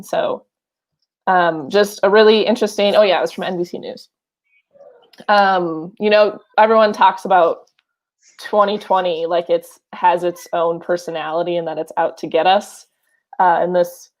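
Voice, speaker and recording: A woman with a Wisconsin accent, co-hosting a podcast and reading news articles aloud with casual, filler-heavy asides. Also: fairly low pitch. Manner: chatty, many fillers and asides. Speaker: podcast co-host.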